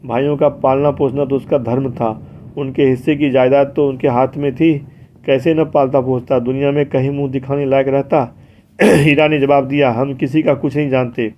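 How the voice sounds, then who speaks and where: A man narrating a classic novel as an audiobook in a measured storytelling manner, recorded with dull lo-fi sound. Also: medium pitch, level tone, a little hiss or hum.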